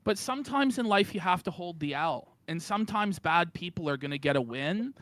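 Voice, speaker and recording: A man's voice: high-pitched, expressive, brisk, a loud crowd. A man calling in to a stream, bluntly confronting the host and pushing him. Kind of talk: heated call-in debate.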